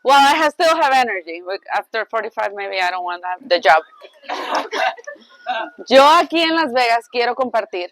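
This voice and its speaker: A woman teaching a Spanish class, switching between English and Spanish in a lively, laughing way. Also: on the high side, moderate pace, background noise.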